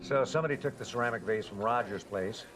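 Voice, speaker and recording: An actor playing a matter-of-fact investigator talking through a case in a television crime drama. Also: male voice, mid-range voice, quick pace, fairly bright tone, faint music behind, close to an everyday voice, poor audio. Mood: businesslike.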